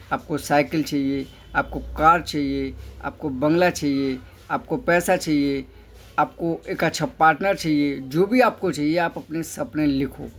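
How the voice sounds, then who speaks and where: Man giving earnest motivational advice. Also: fairly high pitch. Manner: instructive, asks himself questions and answers them; repeats key phrases for emphasis. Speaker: motivational speaker.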